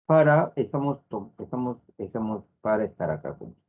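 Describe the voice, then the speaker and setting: A male teacher leading an online class in a lively, rising and falling voice, often repeating himself and saying "a ver" as he goes. His voice is slightly husky and comes through a thin, phone-like line. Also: on the low side, moderate pace. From Peru. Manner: repeats phrases, frequent "estamos" and "a ver" fillers. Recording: tinny phone-like lo-fi audio.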